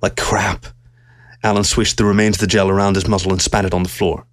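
Low-voiced man reading a story. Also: dry recording, studio quality. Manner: steady, measured storytelling. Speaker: narrator. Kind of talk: audiobook reading of a science-fiction story.

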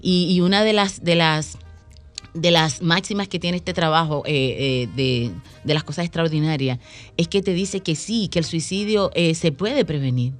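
A woman's voice: lowish voice, moderate pace, faint music behind. A woman guest on a radio interview, speaking earnestly and acting out the voices of the people in her stories. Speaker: guest promoting a stage play.

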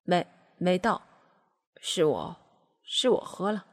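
A stammering middle-aged father, flustered and hesitant, as a woman puts him on. The voice sits low and swings widely in pitch, with a husky, breathy edge. It trails off into a long echo. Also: big pitch swings, normal speed, exaggerated voice.

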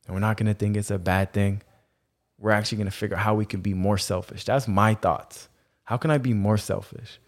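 Low-pitched man with Rasta-style speech. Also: steady tone, a little fast. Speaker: podcast host. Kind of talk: motivational spiritual monologue.

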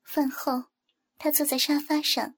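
A woman reading a story aloud as narrator in a smooth, even storytelling delivery. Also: sits high, unhurried. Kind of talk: scripted narration.

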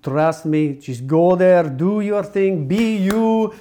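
A man's voice: high voice, fairly even intonation, slow pace, mellow, pitched above the performer's own voice. A man imitating a pushy woman talent agent with a thick Italian accent, urging him on. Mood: insistent. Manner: insistent, coaxing.

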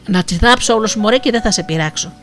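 A storyteller voicing a gullible, blustering male wolf, loud and gruff, in an Asia Minor Greek dialect. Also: medium pitch, soft background music, close to an everyday voice. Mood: angry.

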